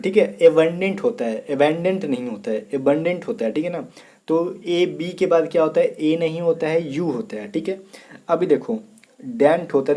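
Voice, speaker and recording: A man's voice: on the high side, warm tone. A man from India teaching an exam prep lesson, spelling words out letter by letter and checking in often with his students. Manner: repeats "theek hai" often, spells letters out slowly.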